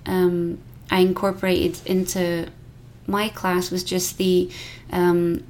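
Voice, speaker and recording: A woman's voice: fairly low pitch, completely flat delivery, takes it slowly, darkish tone, slight background noise. A woman from Scotland with a Scottish accent, a piercer chatting casually as a guest and using many fillers and restarts. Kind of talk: casual podcast conversation.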